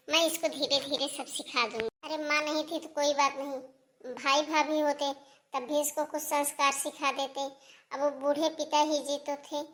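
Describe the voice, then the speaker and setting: A woman's voice: high voice, fairly bright tone. A woman voicing a scheming, two-faced older mother-in-law in a cartoon, sugary to her son and smug behind his back. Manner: sugary scolding, then smug and sly. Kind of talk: cartoon voice acting.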